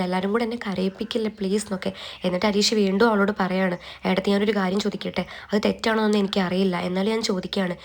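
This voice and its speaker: A woman tells a serial's latest episode in quick, chatty storytelling. Her voice sits at a middle pitch, and she keeps a brisk, conversational flow, tagging lines with a friendly particle. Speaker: serial recap vlogger. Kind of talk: casual serial episode recap.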